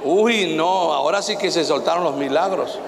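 An apostle preaches a conference sermon to pastors in an echoing hall, his fairly high male voice moving at normal speed over a background crowd. He tells folksy stories, acts out anecdotes, and builds to shouted exhortation. The recording carries hall reverb and faint ambience.

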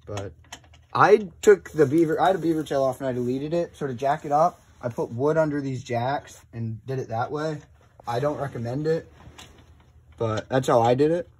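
Husky and a little mellow, this young man's medium-pitched voice moves at normal speed. Holding a phone in an indoor garage, the snowmobile DIY vlogger works on a machine and narrates an offhand, rambling how-to packed with fillers.

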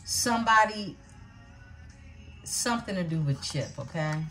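A woman giving a tarot reading, calling out names and signs in an unhurried way and calling her viewers beautiful ones. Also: fairly low pitch, lively intonation, pushed and bright, faint music behind. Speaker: tarot reader.

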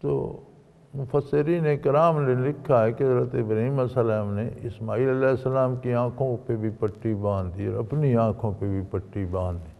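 A man in his eighties from Pakistan, a Sufi sheikh giving a sermon, reciting Quranic verses and swinging between loud emphasis and quiet narration. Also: mid-range voice, gravelly, phone-quality sound. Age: 80s. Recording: long reverb, hall.

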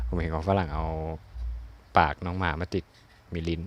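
A man's voice: deep voice, fairly even intonation, measured pace. A young man casually talking through an unboxing, chatty and thinking aloud, often repeating words as he goes. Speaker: unboxing vlogger.

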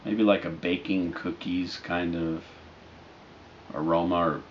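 Guy with a low voice doing a chill off the cuff review, bit of background noise. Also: flat delivery, measured pace. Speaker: product reviewer. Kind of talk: casual review chat to camera. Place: living room, indoors, on a couch. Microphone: camera mic a short distance away. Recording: dull lo-fi audio with noticeable background noise.

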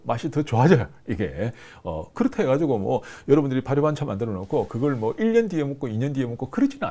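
A business course instructor in his fifties lectures to camera in a small indoor studio with a screen backdrop, wearing a lapel mic. His voice is medium-pitched and warm, and he explains things with plenty of fillers and hand gestures.

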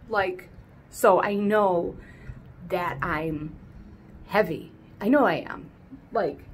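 An American woman in her twenties telling a personal story to camera in a halting, throat-clearing way, emotional as if she has been crying. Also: fairly low pitch, slight background noise, low-quality recording. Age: 20s. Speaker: vlogger. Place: small room at home, indoors.

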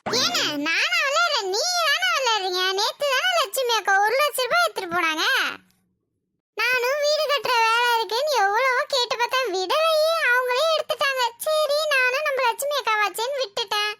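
A woman's voice: very high voice, expressive, fairly quick, bright, forceful tone, a little hiss or hum, full character voice. A woman voicing a scheming, gossipy village neighbor who talks in a sly, dramatic, wheedling way. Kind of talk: cartoon voice acting.

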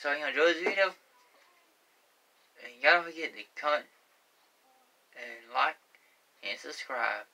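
A man's voice: a little high, lively intonation, unhurried, gravelly, pauses often, sharp tone, low-quality recording. A young man from Georgia with a Southern accent, singing his own song on acoustic guitar in a small bedroom, talking in a loose, rambling way. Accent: Southern American. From Georgia, USA. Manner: rambling, loose folksy delivery. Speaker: amateur singer-songwriter.

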